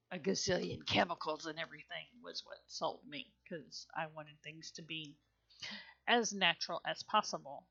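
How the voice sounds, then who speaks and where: A woman with a Southern accent rambles through a game stream in an unhurried drawl, muttering to herself as she goes. Her voice has a bright, forward edge, heard over a dull, lo-fi stream recording. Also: on the low side. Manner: chatty, rambling, mutters to herself, laughs often. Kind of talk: casual gameplay commentary.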